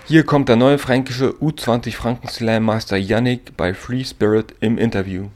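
A man's voice: mid-range voice, steady tone, normal speed, a little mellow, slight background noise. A man hosting a radio show, announcing the next items in a scripted way. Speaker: radio host. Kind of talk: radio moderation.

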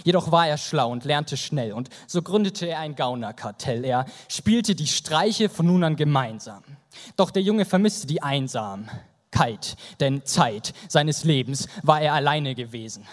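A man's voice: on the high side, a little slow. Young man rhyming at a poetry slam. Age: young adult. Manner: dramatic, rhythmic, storytelling. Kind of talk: rhymed spoken-word performance. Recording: stage hall reverb.

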